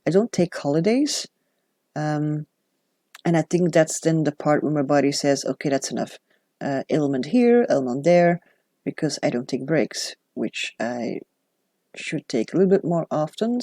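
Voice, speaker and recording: Her voice sits low and mellow on a dry, close recording. She is a chatty journaling vlogger whose first language is Dutch, chatting casually in a reflective way with self-deprecating asides.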